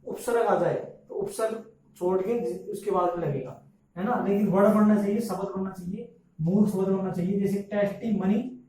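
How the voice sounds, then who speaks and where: A man's voice: high voice, normal speed, dark tone. A man teaching English grammar rules in a classroom-style lesson, asking questions and answering them himself. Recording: echoey room recorded from a distance.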